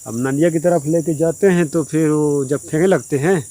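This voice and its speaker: Man, casual folk storyteller, rambling and repetitive, fairly high voice. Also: fairly even intonation, normal speed, warm tone.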